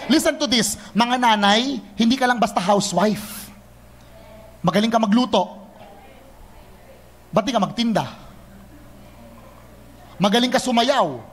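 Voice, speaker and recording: A young man preaching a sermon, lively and teasing, switching between Tagalog and English. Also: very high-pitched, a little slow, pauses often. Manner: animated, mixes Tagalog and English, teasing the congregation.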